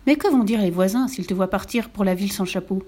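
A woman's voice: medium pitch, quick pace, dark tone, close to an everyday voice. A woman voicing a proud, self-assured male horse in a children's storybook. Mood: pleased. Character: proud well-dressed male blue horse. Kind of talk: storybook reading.

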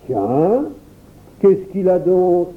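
A man voicing a steady, practical coachman who explains things matter-of-factly in a storybook reading. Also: high voice, very slow, voice pushed up, heavily acted. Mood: calm. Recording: tinny phone-like sound.

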